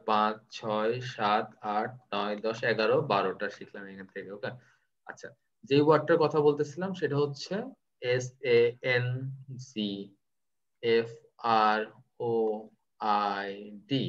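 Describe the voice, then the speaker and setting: A man's voice: medium pitch, fairly bright tone. Guy teaching vocab on a video call, teasing and playful, dull lo-fi audio. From Bangladesh. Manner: playful and teasing, mixing in English words. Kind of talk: live online class.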